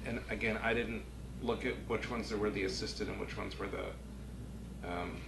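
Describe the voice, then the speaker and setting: A low-voiced, gravelly man on an architectural review board offers a spontaneous critique at a public meeting, halting, hedging, and thinking aloud in a steady tone. He's picked up by a distant room camera in a small indoor meeting room, and the recording is noisy.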